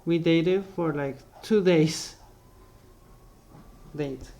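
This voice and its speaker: A young male vlogger casually tells his life story over drawings in a fairly high, mellow voice. He halts often and corrects himself as he goes.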